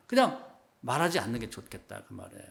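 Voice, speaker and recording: Korean pastor preaching with emphatic swings. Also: male voice, wildly swooping pitch, quick pace, vocal fry. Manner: conversational preaching, acts out quoted remarks in a low hushed voice; swings between loud emphatic peaks and quiet asides. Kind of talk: sermon.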